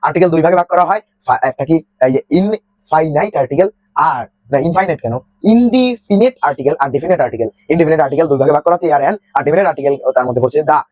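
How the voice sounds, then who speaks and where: A man's voice: a little high, darkish tone. A young man teaching a grammar lesson, explaining step by step, repeating words and answering his own questions.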